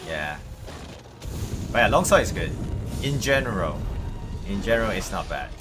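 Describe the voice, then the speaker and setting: With big pitch swings in a voice on the low side, a Malaysian streamer hosts his gaming livestream at a moderate pace. He chats casually over music, hesitant and frequently repeating himself.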